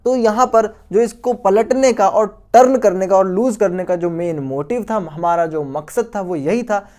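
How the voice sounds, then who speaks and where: Speaking at a normal pace, a man with a high voice and darkish tone records a science lecture for school students. The teacher addresses them as friends and guys, keeps answering his own questions, and goes back over key terms.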